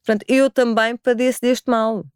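A woman in her forties with a European Portuguese accent, chatting as a podcast guest. She tells stories in an animated, expressive way, and her voice is smooth and clear. The recording is close and dry, with no room echo. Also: on the high side, moderate pace. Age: 40s. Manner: expressive, animated storytelling with frequent laughs. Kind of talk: casual chat.

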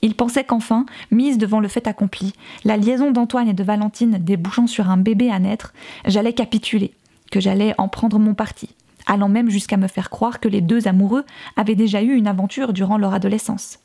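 A woman narrating a novel in the first person, in a measured, even storytelling manner. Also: medium pitch. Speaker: audiobook narrator.

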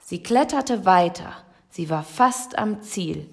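A young woman reading a rhyming children's book aloud, gentle and expressive, sometimes dropping to a whisper. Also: medium pitch, creaky, breathy edge. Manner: slow, gentle and expressive, with soft whispered passages. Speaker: storybook reader.

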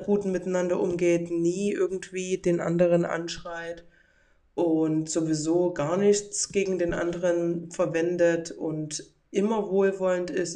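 A woman's voice: lowish voice, dark tone. A woman in her forties hosting a podcast, talking reflectively and reading out messages from listeners. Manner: reflective, reads follower messages aloud. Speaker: podcast host. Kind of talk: casual monologue.

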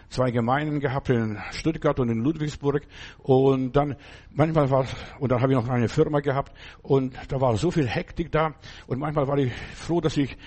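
A man's voice: medium pitch, a little mellow, slightly rough. An older man preaching a sermon as pastor, talking conversationally and often turning to the listener with asides.

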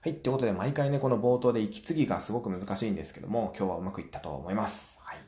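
A man hosting his own solo talk show, chatting through advice, acting out small everyday scenes and filling pauses with drawn-out "uh" sounds. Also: lowish voice, dark tone, roomy sound. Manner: chatty, acts out little scenes; frequent filler sounds. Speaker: podcast host.

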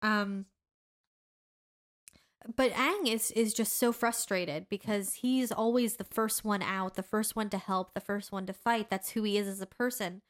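A young woman in casual podcast chat with a mid-range voice. She gushes and gets excitable, often slipping into quick impressions of characters. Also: mid-range voice. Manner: gushing, excitable, acts out characters' lines. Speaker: podcast co-host.

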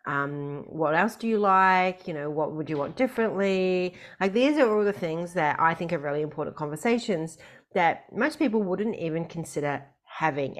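A woman hosting a podcast in a conversational way. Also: fairly low pitch. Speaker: podcast host.

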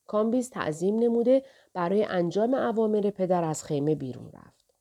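A woman narrating an audiobook of a historical novel in a steady, measured reading. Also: medium pitch.

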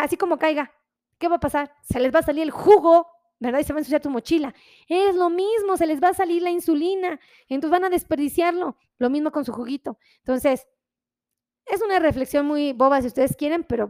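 A woman's voice: sits high, a little mellow, dry recording, studio quality. A woman doctor, explaining health topics to viewers in a chatty, friendly way with many fillers.

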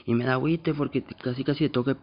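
A man's voice: mid-range voice, steady tone, racing, dull audio, slight background noise. A man hosting a podcast in a blunt, slangy, confessional monologue. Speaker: podcast host. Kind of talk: casual monologue.

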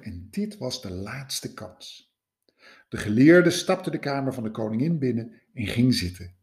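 A man narrating a fairy tale in an expressive storytelling manner. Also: medium pitch. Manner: expressive, lively.

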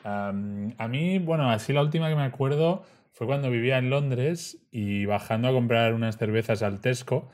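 A man, a relaxed storyteller in a casual conversation who often adds tag questions. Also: mid-range voice, normal speed, hardly any pauses.

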